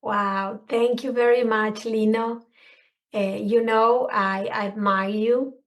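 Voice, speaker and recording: Her pitch on the high side and her pace slow, a middle-aged woman from a Spanish-speaking country talks as a counselor and podcast guest. She uses English as a second language with a Spanish accent, earnest and expressive, searching for words throughout the conversational interview.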